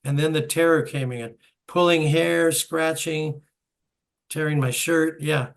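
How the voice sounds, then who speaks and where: Older man with a gravelly voice. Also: fairly high pitch, fairly even intonation, unhurried. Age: 70s. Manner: storytelling, chuckling asides. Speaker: host and bandleader. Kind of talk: reminiscing interview chat.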